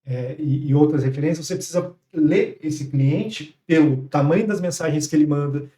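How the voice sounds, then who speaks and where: Man, middle-aged, from Brazil, fast talker, slightly high, distant echoey recording. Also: warm tone. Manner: quick, explanatory, a bit hesitant. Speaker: podcast participant. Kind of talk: podcast conversation. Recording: roomy, off-mic podcast audio.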